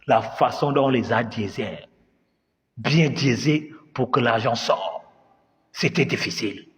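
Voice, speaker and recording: A man's voice: medium pitch, unhurried, big-room sound. A man from Gabon, telling a comic story as a storyteller and acting out scenes with voices and sound effects while asking the audience questions. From Gabon, Bitam area. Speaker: comedian storyteller.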